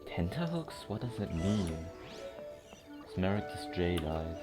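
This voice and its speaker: A game streamer offers casual, unscripted playthrough commentary, now and then reading dialogue aloud. His low voice swings widely in pitch and moves slowly. Game music is clearly audible behind him.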